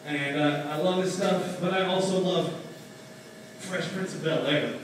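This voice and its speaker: A man's voice: high-pitched, fairly even intonation, unhurried, very noisy. A young man doing a stand-up comedy set, hesitant, with lots of ums and uhs. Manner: hesitant, lots of ums, acts out drunk friends in loud voices. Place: small bar stage. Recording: echoey bar, far from the camera mic.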